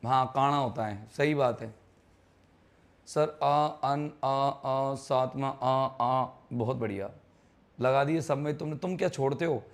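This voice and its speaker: A man's voice: mid-range voice, slow pace. A man, teaching a live online English grammar class in a chatty, teasing way and quizzing students on their answers.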